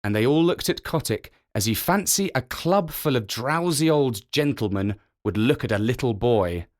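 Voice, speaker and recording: A man narrating a children's storybook with a gentle, expressive reading. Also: mid-range voice, normal speed.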